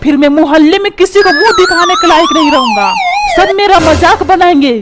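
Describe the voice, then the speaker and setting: A hot-headed cartoon father who rants and threatens, in a squeaky, shrill voice, as a woman puts him on. He talks over loud background music. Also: huge pitch swings, fairly quick, exaggerated voice. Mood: ranting. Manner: scolding, shouting threats. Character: short-tempered middle-aged father, blustering and threatening. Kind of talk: comic cartoon dubbing. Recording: music playing loudly underneath.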